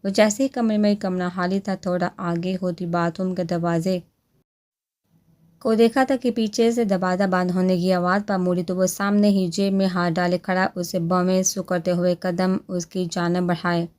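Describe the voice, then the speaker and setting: A woman narrating a romance novel in a steady storytelling manner. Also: fairly low pitch, moderate pace.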